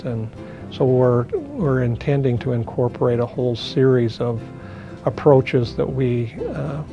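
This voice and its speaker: A man on the production staff explains the show's staging in a deliberate documentary interview. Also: mid-range voice. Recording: music bed under the voice.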